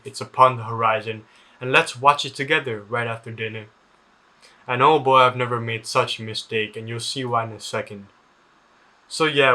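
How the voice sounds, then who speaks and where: A man's voice: mid-range voice, bright, forceful tone. A teenage boy, a student, telling a comedic story in an exaggerated, mock-dramatic way, with lots of "like" fillers. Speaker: student vlogger.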